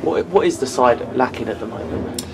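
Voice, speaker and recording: A man's voice: mid-range voice, moderate pace, a crowd in the background. A man asking a football manager post-match questions, hesitant and full of fillers. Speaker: club media interviewer.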